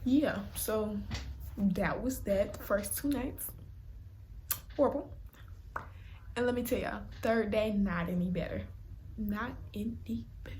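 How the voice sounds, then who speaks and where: A young woman vlogger telling a casual storytime, animated and laughing, with dramatic whispered asides. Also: mid-range voice, unhurried, long pauses, a little hiss or hum.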